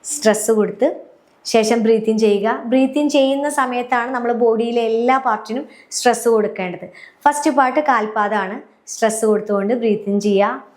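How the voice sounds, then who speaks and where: A woman leads a guided relaxation lesson, taking listeners through each breath slowly and in order. Her voice sits fairly high, and she speaks in a calm, patient way. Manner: calm, step-by-step, often checking "clear?". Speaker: happiness coach.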